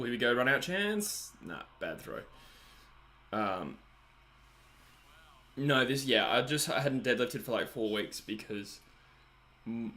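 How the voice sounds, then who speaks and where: Australian male streamer, 20s, chatty self-deprecating host, bright tone. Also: lowish voice. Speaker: livestream host reading chat. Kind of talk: casual live chat over a cricket match.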